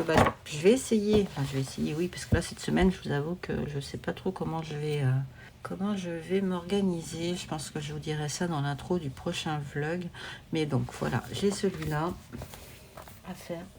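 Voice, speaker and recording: A woman's voice: sits low, darkish tone, a little hiss or hum. A woman vlogger chatting casually to camera at home, rambling and meandering with many fillers and restarts. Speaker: coloring vlogger.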